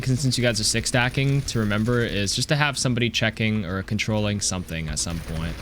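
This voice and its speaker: A man's voice: low voice, a bit bright, slight background noise. A man reviewing gameplay as a coach, talking casually in a blunt, analytical and sometimes sweary way. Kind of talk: casual live game review commentary.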